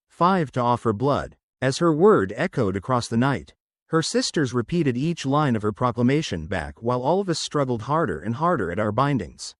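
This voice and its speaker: A man giving a scripted first-person horror narration in a steady storytelling read. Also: medium pitch, no room sound, studio quality.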